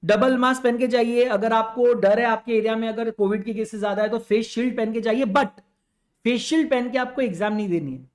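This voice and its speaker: A man's voice: extremely high pitch, steady tone, a little fast. A young man teaching an online exam-prep lecture, giving direct, fatherly advice to students and switching between Hindi and English. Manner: mixes Hindi and English, calls students "beta".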